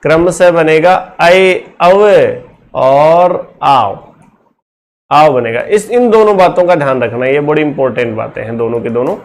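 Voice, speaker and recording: A man's voice: on the high side, lively intonation, normal speed, hardly any pauses. A male teacher giving a classroom lecture, explaining step by step and asking his students question after question.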